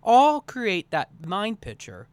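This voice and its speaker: A man's voice: high-pitched, huge pitch swings, takes it slowly, smooth, no room sound. A man hosting a solo podcast, talking earnestly in long, winding sentences. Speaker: podcast host. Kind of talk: solo podcast monologue on communication.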